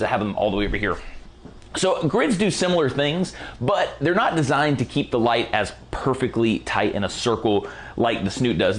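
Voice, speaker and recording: A man teaching a casual photography lighting tutorial in a relaxed, slangy, enthusiastic way while he is losing his voice. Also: medium pitch. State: losing his voice, clearing throat. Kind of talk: casual product walkthrough tutorial.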